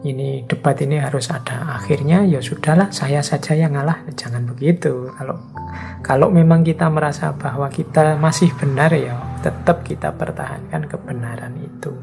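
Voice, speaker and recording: A man giving a spoken lecture, deliberate and listing his points one by one. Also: medium pitch, expressive, gravelly, a little mellow, soft background music.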